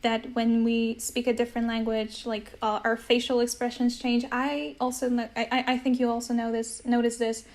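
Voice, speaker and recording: A young woman with an American-accented English, Polish being her first language. Her voice sits a bit high, and she talks in a loose, chatty way, peppered with "like" and quick laughs. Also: level tone, a little mellow. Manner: chatty, uses many fillers, laughs easily. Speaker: language-learning guest. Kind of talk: casual conversation.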